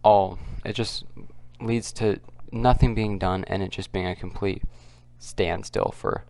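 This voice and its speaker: Quiet, low-voiced man with creaky fry. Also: steady tone, a little slow. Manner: kept quiet, subdued because others are nearby. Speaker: political commentary video host. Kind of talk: casual unscripted commentary. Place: at home, others nearby.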